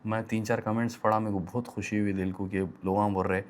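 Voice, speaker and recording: A man's voice: on the low side, little pitch movement, fairly quick, slight background noise. A young man from Hyderabad with a Hyderabadi accent, chatting casually in his vlog and switching freely between Hindi and English. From Hyderabad, India. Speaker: vlogger.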